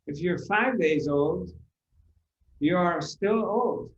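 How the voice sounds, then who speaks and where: Speaking to a live audience in their seats, this man gives a spiritual discourse at a very slow pace and a slightly elevated pitch. His phrases are drawn out and repeated, with one rhetorical question after another. The sound is a little dull and roomy, carrying the echo of the hall.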